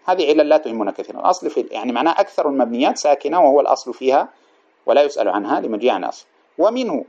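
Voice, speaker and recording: Working through a classic text, this man explains Arabic grammar one point at a time, repeating examples and asking his students rhetorical questions. His mid-range voice is slightly mellow, with the highs cut off, and he tends to trail off and restart words partway through a phrase.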